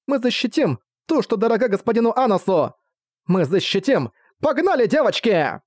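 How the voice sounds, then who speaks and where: A man's voice: high-pitched, sing-song, fast, darkish tone, no room sound, clean studio sound, voice pushed up. A man voicing a group of plucky young female fan-club girls in an audiobook, eager and chirpy. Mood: defiant. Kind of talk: audiobook character voice.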